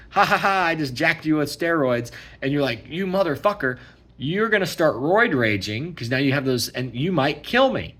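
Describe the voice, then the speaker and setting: A man's voice: mid-range voice, a bit bright, husky. A man giving a casual, emphatic ranting monologue, repeating himself and asking "okay?" often. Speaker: vlogger.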